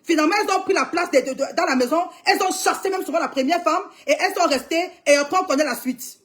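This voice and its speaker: Woman, high-pitched, live-stream commentary, emphatic, repetitive, exclamatory. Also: quick pace. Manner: emphatic and repetitive, urging viewers to watch; exclamatory, calling on God.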